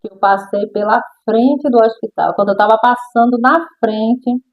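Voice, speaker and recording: A woman's voice: a little high, moderate pace, highs cut off. A middle-aged woman with a Brazilian accent, a guest sharing her personal testimony in an interview and acting out the voices of the people in her story.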